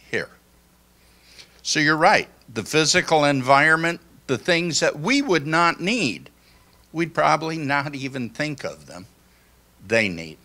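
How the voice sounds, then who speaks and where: An older man giving an informal sermon to a small congregation, speaking slowly and conversationally into a handheld microphone in a church hall. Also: medium pitch, sharp tone. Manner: slow, conversational, reflective. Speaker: pastor.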